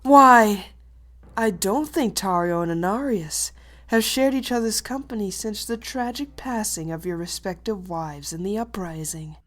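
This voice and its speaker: A woman voicing a commanding dragon queen in an animated fantasy, imperious, measured and smoothly condescending. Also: mid-range voice, close to an everyday voice. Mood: condescending welcome. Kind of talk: animated fantasy drama acting.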